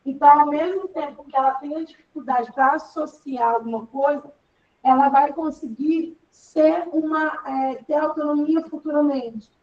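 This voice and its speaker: A woman's voice: high voice, moderate pace, distant mic, highs cut off. A woman teaching an online class in a chatty, rambling way, full of fillers.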